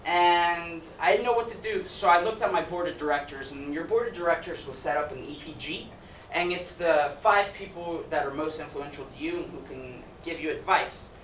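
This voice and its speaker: A man's voice: fairly high pitch, moderate pace, a bit bright. A young man from Ecuador giving an upbeat, jokey student presentation to an audience. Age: young adult. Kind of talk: presentation talk. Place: event hall with audience. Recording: roomy, distant mic, noisy.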